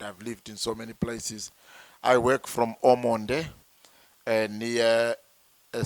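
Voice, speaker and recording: Man from zimbabwe, traditional healer, slow deliberate explaining, mid pitch, dry close sound. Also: no echo. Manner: deliberate, repeats words while searching.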